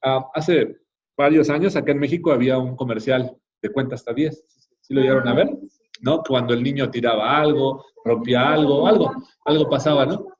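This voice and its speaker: A man's voice: medium pitch, fairly quick, lo-fi sound. Mexican man teaching a church class. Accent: Mexican Spanish. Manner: conversational, frequent tag questions, addresses the class directly.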